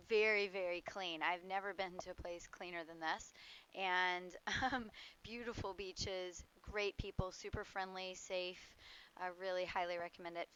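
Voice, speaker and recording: A woman instructor guiding a warm-up yoga class outdoors, giving short cues for moves and breath in a casual, playful way. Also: mid-range voice, smooth, dull audio.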